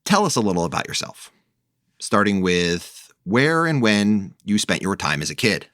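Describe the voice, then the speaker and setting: A man hosting an economics podcast, introducing the topic and his guest in a clear, measured, emphatic way. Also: fairly low pitch, big pitch swings, a bit bright, no room sound, clean studio sound. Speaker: podcast host. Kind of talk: scripted podcast narration and interviewing.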